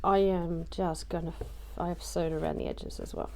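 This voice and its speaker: Her voice just recovered, a craft journaling vlogger chats at home about a project, wandering off with lots of ums and self-deprecating remarks. It's a lower, level, somewhat mellow and creaky voice at a moderate pace, with a little hiss or hum.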